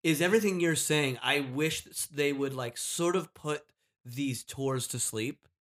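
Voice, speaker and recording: A man's voice: a little high, measured pace, a bit bright. A man in casual podcast chat, rambling and circling back, often trailing off mid-thought.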